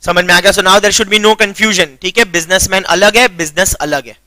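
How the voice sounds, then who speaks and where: Speaking Hindi with a Gujarati accent, this young man from Gujarat, India, gives a chatty commerce class, sprinkling in English terms and often making sure students understand. His voice sits high, pushed and bright, at normal speed with no room sound.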